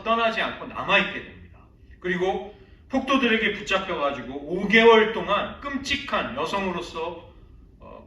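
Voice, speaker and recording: A man preaching a Sunday sermon with a high, bright, piercing voice. He tells a story and acts out the prayers in it with feeling. The sound comes from some distance in an echoey church sanctuary. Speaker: pastor.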